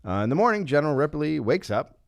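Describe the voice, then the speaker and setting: A man hosting a comedy podcast, telling a history story casually with halting speech, many restarts and ums. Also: a little high, very animated, gravelly, no room sound, clean studio sound.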